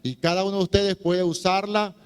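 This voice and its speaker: A man's voice: high-pitched, level tone, brisk, smooth, big-room sound. A middle-aged man preaching a teaching talk in a chatty, humorous way, acting out little voices as he goes. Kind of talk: sermon-style teaching talk.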